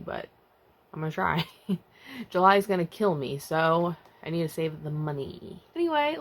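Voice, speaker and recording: A woman's voice: a little high, a bit bright. A young woman reviewing K-pop releases in a casual vlog, chatty and self-mocking, with giggly asides. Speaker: K-pop vlogger.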